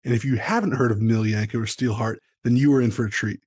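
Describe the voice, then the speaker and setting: This man is a cheerful podcast host who moves from show intros to relaxed interview conversation, his wording friendly and promotional. He speaks fast in a steady, husky voice of middling pitch and darkish tone.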